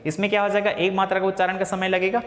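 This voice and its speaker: A male teacher giving a classroom lecture, asking and answering his own questions and slowly repeating key phrases. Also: high-pitched, completely flat delivery, a bit bright, faint music behind. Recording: echoey classroom with long reverb.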